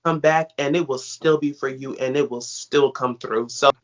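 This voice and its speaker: A man's voice: medium pitch, fairly even intonation, normal speed. A man hosting a casual interview, playful and encouraging as he hypes up his guest. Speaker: interviewer, host. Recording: dull lo-fi audio.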